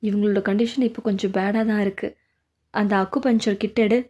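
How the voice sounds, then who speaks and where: A woman voicing a calm, serious young male doctor in a fan dub of a drama, talking low, steady and commanding. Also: fairly quick, natural voice.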